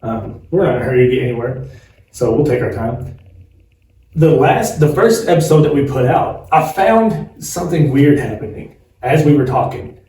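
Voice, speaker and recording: A man in his forties co-hosts a podcast, chatting casually and rambling, with frequent laughter. His mid-range voice is warm, moves at a moderate pace, and has lively intonation. The recording has an echoey room, a distant mic, and faint hiss.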